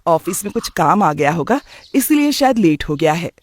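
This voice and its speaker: A weary traditional mother in a cartoon story, voiced by a man. She speaks softly and resignedly, her voice on the high side. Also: big pitch swings, moderate pace, no echo. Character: middle-aged woman, weary traditional mother. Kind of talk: cartoon voice acting.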